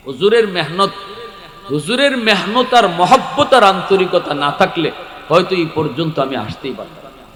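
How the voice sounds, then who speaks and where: A man with a Sylheti Bengali accent giving a sermon, swinging from shouted peaks to quiet storytelling. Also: a little high. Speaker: preacher. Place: large outdoor or hall religious gathering. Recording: echoey hall with long reverb.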